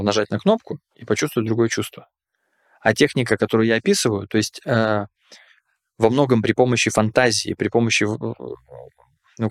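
A male podcast host explains ideas in casual conversation, reflective and hesitant, with many fillers. His voice is lowish, and the clean studio sound has no echo.

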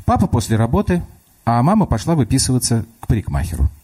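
A man's voice: medium pitch, huge pitch swings, quick pace, mellow, husky, voice pushed up. A man voicing a small, stubborn and suspicious girl in a comic radio story. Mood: wary. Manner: childish, wary, prim.

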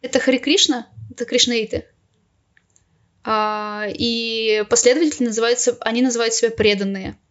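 A young woman, a podcast guest, telling personal stories casually and a bit haltingly on a slightly dull recording. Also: fairly high pitch, fairly even intonation, fairly bright tone. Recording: slightly dull, muffled sound.

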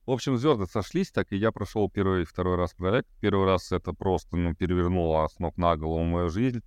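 A man's voice: low voice, a little fast, smooth, no room sound, clean studio sound. A man in his thirties, a podcast guest talking casually and hesitantly, with many fillers. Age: 30s. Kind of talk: casual conversation.

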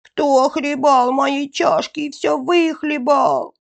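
A woman's voice: high voice, fairly even intonation, slow, vocal fry, pitched above the performer's own voice, exaggerated voice. A woman voicing a tiny bear cub boy in a storybook, with a thin, squealing voice. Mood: whiny.

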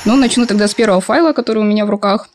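A woman's voice: medium pitch, racing, music in the background. A woman speaking as an expert endocrinologist, giving conversational medical commentary in an explanatory, good-humoured way.

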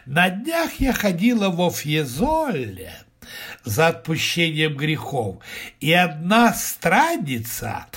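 A man's voice: a little high, fairly bright tone, breathy edge, heavily acted. A man voicing a frightened, cunning medieval wife in a dramatic storybook reading.

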